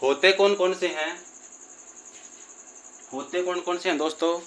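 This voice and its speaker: A man's voice: high voice, unhurried, fairly bright tone, slight background noise, low-quality recording. A man teaching a grammar lesson, patiently repeating and drawing out vowel sounds while addressing his listeners as friends.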